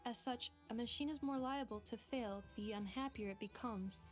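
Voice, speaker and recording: A literal-minded assistant robot voiced by a woman with a fairly high, even voice. It speaks in formal, clinical sentences without warmth. Soft game music runs under it. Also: moderate pace, natural voice. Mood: matter-of-fact. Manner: flat, formal, clinical phrasing. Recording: game audio with music behind.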